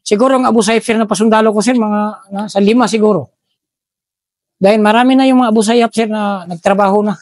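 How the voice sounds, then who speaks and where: A middle-aged man, a former special forces soldier telling war stories in an interview, deferential and halting, saying "sir" after nearly every phrase. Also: high-pitched, steady tone, a little mellow, no room sound. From Philippines. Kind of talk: casual interview storytelling.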